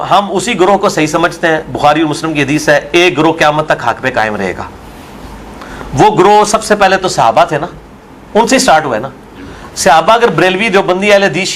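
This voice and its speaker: A man's voice: a little high, a bit bright, slight background noise. A man, a religious scholar arguing his view in an interview and asking rhetorical questions. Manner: argumentative, full of rhetorical questions.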